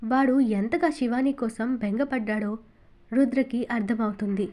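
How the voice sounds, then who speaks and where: A woman narrating a novel aloud in an expressive, emotive storytelling style. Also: on the high side, moderate pace. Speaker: audiobook narrator.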